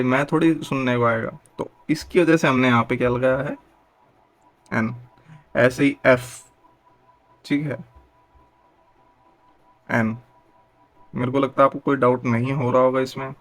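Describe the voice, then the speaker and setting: A young man gives a patient, steady grammar lesson. He keeps putting questions to his students and then answering them himself. His voice sits at an ordinary middle pitch. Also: unhurried, pauses often. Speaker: teacher.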